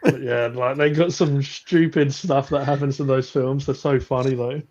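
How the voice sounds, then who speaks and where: A man's voice: medium pitch, fairly even intonation, normal speed, darkish tone. Rambling man on lo-fi stream audio. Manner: rambling, laughs often, restarts words. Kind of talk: casual chat.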